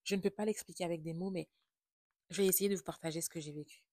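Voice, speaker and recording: A Haitian vlogger with a French accent tells a personal travel story, confiding and reflective, speaking softly. Her voice is lowish and steady in tone, she talks fast, and there's no echo.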